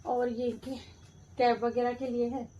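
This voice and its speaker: A woman's voice: a little high, little pitch movement, measured pace, warm tone, lo-fi sound, slight background noise. A woman, a mother, casually narrating a family vlog and talking straight to viewers while she cooks. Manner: chatty, talks straight to viewers while cooking.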